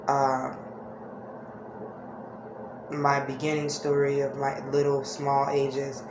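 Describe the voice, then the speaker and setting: A woman speaks in a low voice with little rise or fall. She shares personal stories in a casual, reflective and halting way, as if to regular viewers. The room echoes around her. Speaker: vlogger. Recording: echoey room with faint-to-clear background noise.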